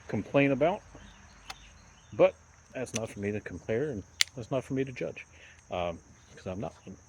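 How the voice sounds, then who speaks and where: Low-voiced man, halting outdoors how-to vlog. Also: darkish tone. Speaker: javelin repairer presenting a video. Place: outdoors in a backyard. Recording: clear outdoor noise, insects and ambience.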